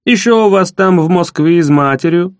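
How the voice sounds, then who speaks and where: A man voicing a hoarse, mocking young village bully with Ukrainian-mixed speech. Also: high voice, moderate pace, dry recording, clean studio sound, lightly acted. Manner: mocking, taunting village dialect.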